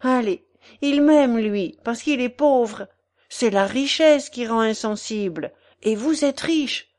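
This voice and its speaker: A woman's voice: fairly high pitch, slow, darkish tone. A woman voicing a brash, gushing middle-aged concierge who talks in an effusive, wheedling, theatrical way.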